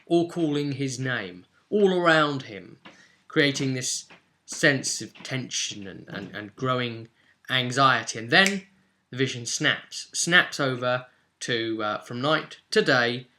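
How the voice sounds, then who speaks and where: A man's medium-pitched, expressive voice carries a sharp tone, and the recording has a slight hiss or hum. He is a game master informally recounting a tabletop roleplay session, building drama through emphasis and suspenseful pauses.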